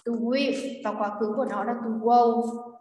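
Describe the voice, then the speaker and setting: A woman teacher with a Vietnamese accent goes through an English quiz, repeating key words slowly and checking in with her students. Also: on the high side, fairly even intonation, dark tone. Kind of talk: explaining a quiz lesson. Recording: echoey room, voice far from mic.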